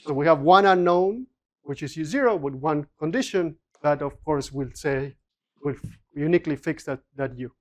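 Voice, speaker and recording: A physics lecturer explains equations in a university lecture room at a moderate pace and medium pitch. His delivery is explanatory but full of restarts and fillers.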